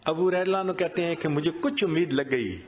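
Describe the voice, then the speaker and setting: Man preaching, higher-pitched voice, lively storytelling, dull lo-fi sound. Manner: animated storyteller, acting out quoted exchanges. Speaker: religious scholar. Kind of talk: sermon storytelling. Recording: dull lo-fi recording.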